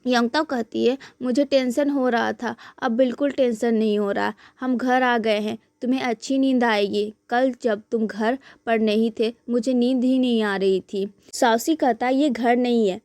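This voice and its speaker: A woman with an Indian accent narrates a drama recap in a steady storytelling voice. Her voice sits a little high, and the recording is close and dry with no room sound. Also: dry recording. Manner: quoting characters' lines in a plain narrating voice.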